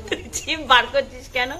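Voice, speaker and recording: A woman's voice: sits high, sharp tone. A woman at home playfully coaxing her toddler in sing-song baby talk. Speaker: mother playing with her toddler.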